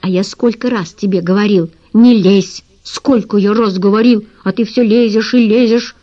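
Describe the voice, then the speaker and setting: A woman's voice: medium pitch, steady tone, moderate pace, warm tone, muffled recording, natural voice. A woman voicing an irritable father who thunders at his children. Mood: irritated. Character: irritable father, loud and grumbling.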